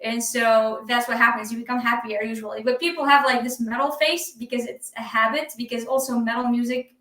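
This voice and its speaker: A woman with an Iraqi Arabic accent chats easily as a live stream guest, laughing often and filling pauses with ums. Her voice sits a little high and sounds bright and clear. She is heard on a video call from an echoey room, set back from the microphone. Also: fairly even intonation. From Iraq. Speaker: guest drummer. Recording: echoey room, distant from the mic.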